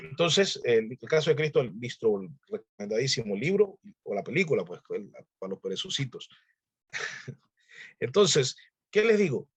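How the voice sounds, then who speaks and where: A man's voice: medium pitch, sing-song, moderate pace, slightly rough. A man teaching a church discipleship class, earnestly exhorting his listeners in a conversational preaching manner.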